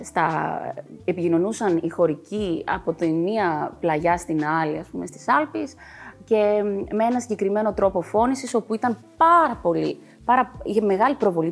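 A woman's voice: medium pitch, vocal fry. A woman working as a voice coach, explaining her work in a TV talk show interview with many fillers.

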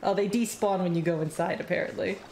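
A woman's voice: fairly low pitch, fairly even intonation, quick pace, creaky, a little mellow, echoey room, a little hiss or hum. A woman chatting casually and giggling often during a game stream, sounding sleepy. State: sleepy, yawning. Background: game music.

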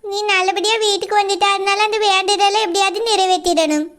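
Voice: very high voice, steady tone, a little fast, a bit bright. A performer voicing a stern, bossy elderly aunt.

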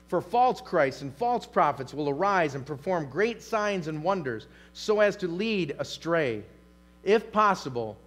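A male pastor preaching a sermon in a church, emphatic and repetitive, asking the congregation questions. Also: high-pitched. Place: church sanctuary.

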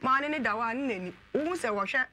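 A woman guest on a talk show, telling her story in a rapid, insistent way. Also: high-pitched, sharp tone, slight background noise. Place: TV studio.

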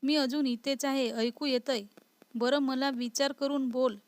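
Here a woman reads the lines of a playful husband poking fun at his wife, slightly high and lightly mocking. She stays unhurried with fairly even intonation, and the dry, close recording carries no room sound.

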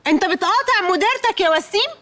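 An actress playing a bossy young wife who has become her husband's manager, scolding him rapidly in an Egyptian accent. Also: extremely high pitch, lively intonation, fairly bright tone, slight background noise. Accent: Egyptian Arabic. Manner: bossy, scolding, quick-fire. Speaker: wife newly made her husband's boss.

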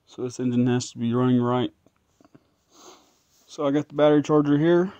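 A home mechanic vlogger thinks aloud while testing an engine at his garage workbench, sounding casual and a bit frustrated. His mid-range voice is mellow and moderately paced. Recorded on a phone camera held close, the audio is muffled but has no echo.

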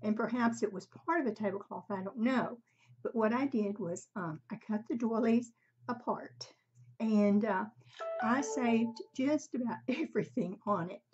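An older woman with a husky, breathy voice, giving a casual, halting craft demonstration at home in her craft room. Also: fairly high pitch, a little mellow. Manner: halting, unhurried, conversational. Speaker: craft tutorial host. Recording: slightly dull, muffled sound.

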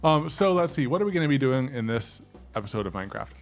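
A man co-hosting a casual let's-play, excitable, blurting quick exclamations and repeating himself mid-sentence. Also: mid-range voice, creaky. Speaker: gaming channel co-host. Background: game music.

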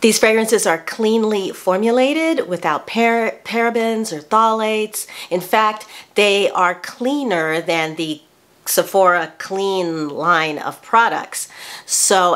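Chatty older woman, lowish voice. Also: slow pace, a bit bright. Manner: chatty, with frequent restarts and self-corrections. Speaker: beauty vlogger. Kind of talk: casual product review. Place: small bedroom, indoors.

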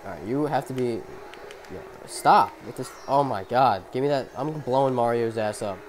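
A man's voice: mid-range voice, normal speed, a little hiss or hum. A young man, sick and coughing, giving casual, profane, rambling commentary over a racing game from his bedroom on a headphone mic. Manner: profane, rambling, self-mocking. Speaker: gameplay commentator.

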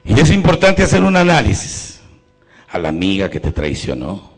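A middle-aged Mexican priest preaches to his congregation in a low, gravelly voice with a husky edge. His pitch leaps and falls with real animation. He swings from loud emphasis to hushed, probing questions and acts out the people in his stories. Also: huge pitch swings, normal speed, soft background music. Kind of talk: sermon with storytelling.

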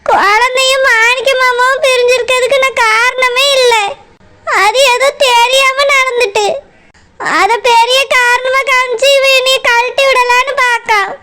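A woman's voice: very high-pitched, fairly even intonation, normal speed, pushed and bright. A woman voicing a tearful young married woman in a cartoon, sobbing and pleading to her father. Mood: weeping. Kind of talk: cartoon voice acting.

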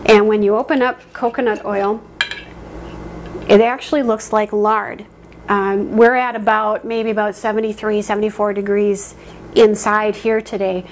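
A woman in her thirties talks through a home baking demonstration in a friendly, conversational way, often pausing on an um or uh. Her voice sits at an ordinary middle pitch. She is recorded in a home kitchen on a camera mic a short way off, with a faint room hiss underneath. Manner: friendly, conversational, frequent ums and uhs. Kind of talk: casual cooking demonstration.

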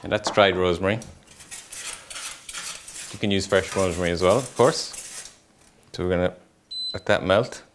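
A man's voice: sits low, moderate pace, long pauses. A man in his thirties, a chef, explaining a recipe step by step as he cooks in a kitchen. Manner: relaxed step-by-step instructions while cooking. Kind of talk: cooking demonstration. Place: home-style kitchen, indoors. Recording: noisy kitchen with sizzling pans. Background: sizzling pans.

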